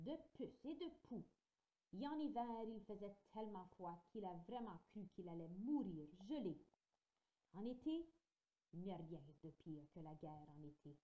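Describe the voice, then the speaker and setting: A woman reads a children's novel aloud with a very dark, mellow voice that swings widely in pitch as she tells the story. She reads in an expressive way. The home recording sounds dull and lo-fi. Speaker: audiobook reader.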